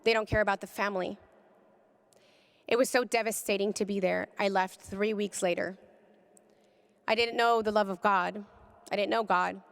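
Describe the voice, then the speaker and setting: A woman giving an impassioned personal testimony, speaking with deep feeling and rising to cries at its peaks. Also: steady tone, normal speed, gravelly, pauses often, big-room sound. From California. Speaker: pro-life speaker. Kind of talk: emotional testimony talk.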